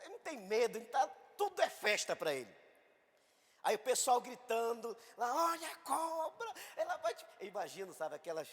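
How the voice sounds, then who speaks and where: A man from Brazil, a pastor, telling a story in an animated sermon and acting out voices in the quotes. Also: high-pitched, in a large hall. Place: church hall.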